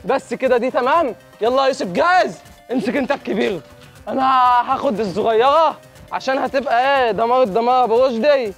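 An Egyptian man commenting on kite flying outdoors. He talks in an excitable way, with loud exclamations and repeated cries. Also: extremely high pitch, fast talker, soft background music. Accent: Egyptian Arabic.

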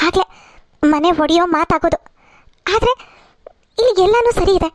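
A woman's voice: very high-pitched, normal speed, no echo, clean studio sound. A woman voicing a firm, caring mother in a cartoon serial, lecturing her daughter. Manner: lecturing, advising.

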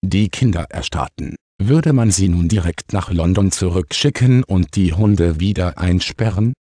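Low, dark-voiced male audiobook narrator. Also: unhurried, no echo. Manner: calm storytelling, reads all roles. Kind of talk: scripted narration.

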